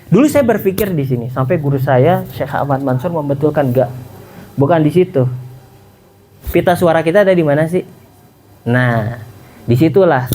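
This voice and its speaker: A man giving a casual tajwid lesson, quizzing his listeners and sounding out letters slowly. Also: fairly high pitch, a little hiss or hum. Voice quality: animated, quizzing the audience, demonstrating sounds slowly. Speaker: Quran recitation teacher.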